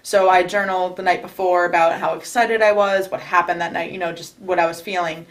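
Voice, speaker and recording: Here a guest, a young newlywed from New York state, chats casually about interview advice with frequent restarts. Her fairly low voice is steady and brisk, and the recording quality is poor.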